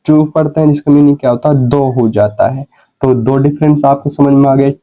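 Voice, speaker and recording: Dark-voiced man teaching English vocabulary. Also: medium pitch, rough recording. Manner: explains step by step, asks and answers his own questions; spells words out letter by letter. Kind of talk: spoken English lesson. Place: recorded while scrolling through on-screen notes.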